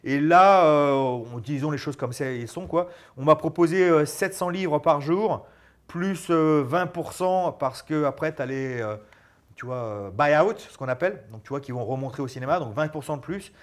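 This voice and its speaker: A man in his forties with a fairly high voice, speaking at a normal pace. He's a former fighter who became an actor and stuntman, chatting casually and animatedly as a guest in a small studio lounge, gesturing a lot, recorded on a lapel mic.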